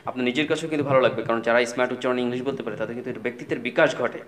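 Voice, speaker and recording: A man's voice: medium pitch, fairly even intonation, rapid-fire. A man teaching spoken English, patiently explaining and repeating words and spellings.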